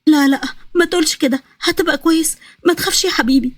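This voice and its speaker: A woman's voice: high voice, rapid-fire, no echo, voice pushed up, natural voice. A woman with an Egyptian accent voicing a young captive princess who reproaches her brother. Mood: tender. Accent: Egyptian Arabic. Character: young captive princess, bitter yet loving sister.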